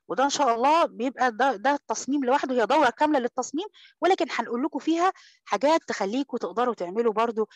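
Fast-talking Egyptian woman teaching tajweed. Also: fairly high pitch, no room sound. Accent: Egyptian Arabic. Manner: demonstrates letter sounds, addresses students affectionately. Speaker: Quran recitation teacher. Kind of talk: online tajweed class, answering questions.

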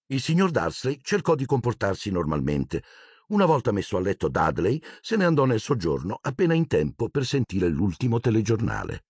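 A man narrating an audiobook in an expressive storytelling manner. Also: fairly low pitch, brisk, breathy edge, no echo, clean studio sound. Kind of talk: scripted narration.

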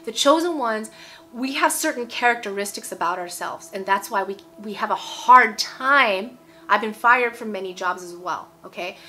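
There's a little hiss or hum on this recording of a woman in her forties giving a casual, emphatic sermon to camera in an indoor room at home. Her medium-pitched voice has a sharp tone and a moderate pace, and she repeats phrases and checks in with "okay?".

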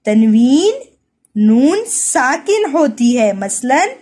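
A woman's voice: high voice, very animated, very slow, a little mellow, husky. A woman teacher giving a recorded religious lesson to young children, spelling out letters and sounds and checking with "theek hai". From Pakistan.

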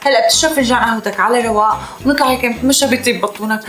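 A woman playing a sharp-tongued young woman on a dinner date, scolding quickly and insistently. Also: a little high, natural voice. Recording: roomy room with music behind.

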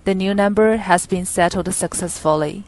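A woman narrating a scripted product demonstration in a plain, steady reading voice with small grammar slips. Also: mid-range voice, moderate pace, background noise. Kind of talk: scripted instructional voice-over.

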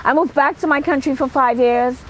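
Outdoors on a patio at night, a middle-aged woman with a Trinidadian accent, a celebrity hairstylist and makeup artist, gives an emphatic, motivational personal talk to camera, peppered with "okay." Her voice sits high and moves fairly quickly, and the rough recording carries a little hiss or hum.

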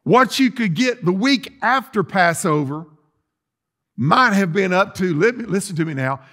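A middle-aged pastor gives a sermon as conversational teaching in an indoor church sanctuary, explaining things and asking his listeners questions. His voice sits high and sounds sharp, with lively intonation and a slightly slow pace.

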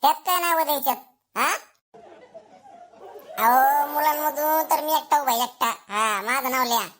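A woman doing a cocky bragging schoolboy, high voice, twang, comedy sketch. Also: moderate pace, fairly bright tone, some chatter behind, a little hiss or hum. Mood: boastful. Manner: swaggering, boastful, taunting. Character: cocky schoolboy bragging about his power.

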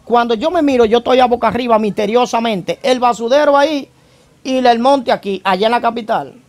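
A man's voice: very high voice, brisk. A man giving a church testimony about his past as a gang member. He tells it vividly, acting out events and breaking in with praise phrases. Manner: vivid storyteller who acts out events and keeps adding praise phrases.

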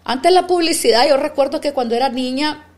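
A woman in her fifties, a businesswoman guest on a podcast, chatting casually and telling animated stories with acted-out dialogue. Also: sits high, brisk. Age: 50s. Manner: animated storytelling, acts out quoted dialogue. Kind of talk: casual interview chat.

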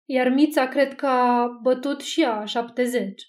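A woman reading the part of a portly, self-important man in his sixties, who speaks in a measured, pompous way. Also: high-pitched, fairly even intonation, darkish tone, lightly acted. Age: 60s.

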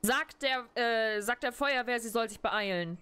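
A woman's voice: on the high side, a little slow, sharp tone, smooth. A woman streaming a game, translating its lines aloud and reacting bluntly with casual swearing. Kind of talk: live gameplay commentary, translating dialogue.

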